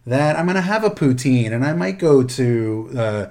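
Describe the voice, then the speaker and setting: A man co-hosting a casual chat, animated and joking, with many fillers and restarts. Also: mid-range voice, moderate pace. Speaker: podcast co-host.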